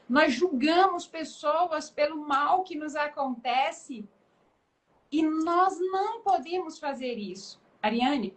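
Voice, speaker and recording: A woman's voice: high voice, poor audio. A woman pastor with a Brazilian Portuguese accent, giving an emphatic testimony and preaching in a live conversation. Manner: emphatic, dramatic testimony with lively quoted voices. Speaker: pastor and guest.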